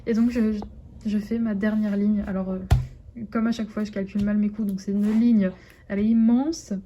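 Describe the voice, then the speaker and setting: A woman's voice: mid-range voice, little pitch movement, moderate pace, highs cut off, background noise. A young woman with a French accent chatting casually to her phone camera at home, rambling with lots of fillers and restarts. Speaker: vlogger. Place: at home indoors.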